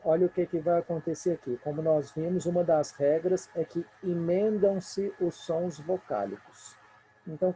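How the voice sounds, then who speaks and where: A man's voice: a little high, dark tone, slight background noise, poor audio. A man with a Brazilian Portuguese accent teaching a recorded remote lesson, patiently counting poetic syllables aloud.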